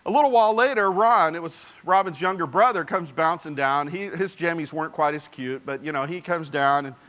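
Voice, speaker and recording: Earnest bright-voiced man in his forties. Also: fairly high pitch, brisk. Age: 40s. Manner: earnest, drops to a soft hushed voice for tender moments; engages the audience directly. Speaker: speaker addressing a congregation. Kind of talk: storytelling sermon.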